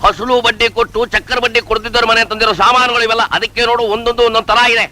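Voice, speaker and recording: An actor playing a stingy, scheming middle-aged moneylender in a comic film scene. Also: male voice, very high voice, flat delivery, racing, pushed and bright, full character voice. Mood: scolding. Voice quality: exclamatory, theatrical whining.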